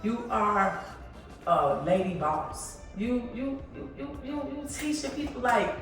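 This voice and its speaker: An effusive woman over fifty talks warmly and repeats herself in casual chat. She sounds far from the mic in a very echoey room. Faint music plays behind her. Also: on the high side, slow pace. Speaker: friend on a group trip.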